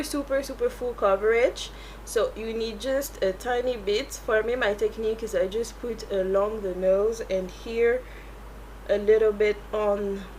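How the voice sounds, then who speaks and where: A woman with a medium-pitched voice and a French accent, a native French speaker, rambles casually through a makeup tutorial as she reaches for English words. She's a beauty YouTuber, and the poor audio carries slight background noise.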